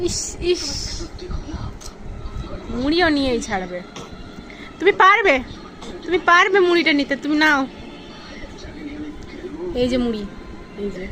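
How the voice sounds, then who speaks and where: A woman's voice: sits high, very animated, moderate pace, pauses often, a crowd in the background. A young adult woman, a mother, talking baby talk to her infant in a coaxing, sing-song way, over background music.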